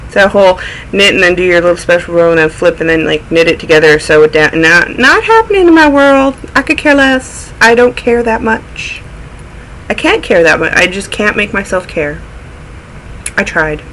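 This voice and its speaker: A snuffly man with a cold hosts a casual knitting video podcast, rambling through his projects and drifting onto tangents in chatty show-and-tell fashion. His voice sits high and sounds pushed and bright, expressive at a normal speed. The audio is poor, with slight background noise.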